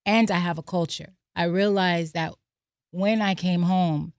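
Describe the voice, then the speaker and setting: A woman's voice: fairly low pitch, steady tone, a little slow, dry recording, clean studio sound. An American woman on a podcast, telling reflective personal stories and reading aloud from her journal. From United States. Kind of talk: casual podcast discussion.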